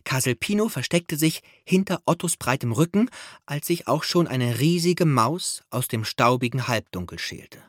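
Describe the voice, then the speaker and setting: A man reads a children's story aloud in an expressive storytelling manner. His pitch rises and falls a great deal. The recording is dry and close. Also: normal speed, dry recording. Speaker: narrator. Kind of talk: audiobook reading for children.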